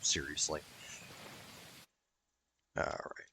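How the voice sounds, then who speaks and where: A video game streamer rambles through casual gameplay commentary, swearing and sounding wryly exasperated. His voice is pushed and bright, he draws out his words, and there's slight background noise.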